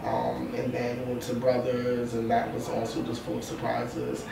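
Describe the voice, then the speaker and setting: A man's voice: medium pitch, sing-song, moderate pace, gravelly, a crowd in the background. Slangy young man, very echoey. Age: young adult. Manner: slangy, repeats phrases. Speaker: podcast co-host. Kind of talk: casual chat. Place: echoey room called a studio. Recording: very echoey, distant, noisy room.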